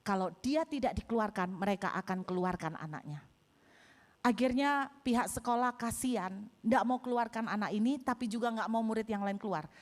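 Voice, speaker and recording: A woman pastor with a Javanese-tinged Indonesian accent, telling a story in a sermon, animated and acting out the voices she quotes. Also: fairly high pitch, normal speed. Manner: animated, acts out quotes with bursts of raised voice. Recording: reverberant hall.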